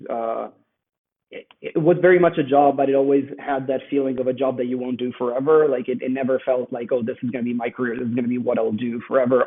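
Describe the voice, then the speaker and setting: Over a tinny remote call that sounds like a phone, a guest author at home in Rome, whose first language is Italian, answers a conversational interview thoughtfully, with many fillers and restarts. His medium-pitched voice is husky with vocal fry.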